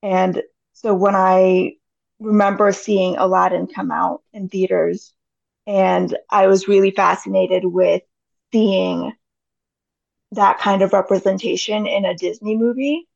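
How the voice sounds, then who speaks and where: Woman, 30s, podcast guest, rambling chatty talk, gravelly fry, muffled lo-fi sound. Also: medium pitch, little pitch movement, a little slow, darkish tone, no echo. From United States. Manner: rambling, chatty, many fillers. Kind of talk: casual interview chat. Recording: dull lo-fi audio.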